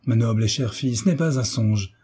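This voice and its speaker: A man's voice: medium pitch, a little fast, warm tone, breathy edge. A man doing a grave hunchbacked marquis. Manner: grave, stern. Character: hunchbacked marquis, older man, stern yet tender.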